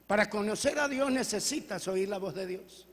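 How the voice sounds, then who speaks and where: In a large church hall, a pastor preaches a sermon, reading scripture aloud and putting call-and-response questions to his congregation. His voice sits high and a bit bright, delivered at a normal speed.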